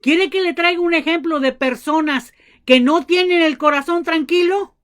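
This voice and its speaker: A woman's voice: very high-pitched, normal speed, fairly bright tone. A woman preaching a sermon to a congregation, telling family stories and acting out the dialogue. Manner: addresses the congregation as brothers, acts out family dialogue.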